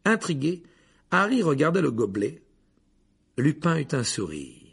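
A man narrating a story aloud in an expressive, animated way. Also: a little high, measured pace, creaky, breathy edge. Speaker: audiobook narrator. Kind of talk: storybook reading.

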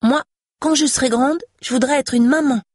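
Casting: a woman putting on a bubbly five-year-old girl, high and bright, slightly husky. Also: moderate pace, dry recording, clean studio sound. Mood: chatty. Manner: high, pleading childlike voice.

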